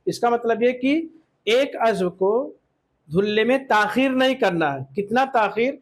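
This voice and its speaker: A man's voice: extremely high pitch, expressive. A man teaching Islamic law to a class, quizzing the students and often checking that they agree, with English words mixed in. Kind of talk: classroom lesson with questions to students.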